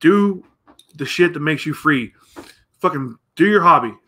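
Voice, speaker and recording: A middle-aged man from the United States rants on his own show, blunt and crude, piling up curses as he rambles. His voice is bright and forceful, sitting a little high for a man. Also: lively intonation, measured pace, slightly rough. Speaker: podcast host. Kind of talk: opinionated rant.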